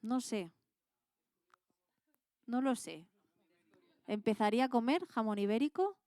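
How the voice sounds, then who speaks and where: A woman's voice: fairly high pitch, animated, measured pace, warm tone, dry recording, clean studio sound. A woman with an accent from Spain, teaching a Bible class in a casual, colloquial way and quizzing her students with questions.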